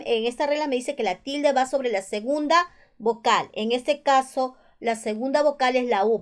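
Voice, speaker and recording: A woman teacher with a Peruvian Spanish accent, patiently explaining spelling rules and repeating each one. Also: high-pitched. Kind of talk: spelling lesson explained over slides.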